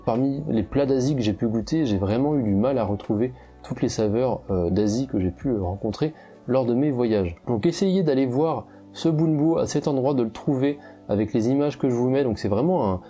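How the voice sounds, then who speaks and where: A young man with a strong French accent tells his travel stories in a loose, chatty way, full of hesitations and restarts. His voice is very dark and mellow. Faint music plays under him. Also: medium pitch. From France. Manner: chatty, many fillers and restarts. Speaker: travel photographer vlogger. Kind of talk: casual travel storytelling.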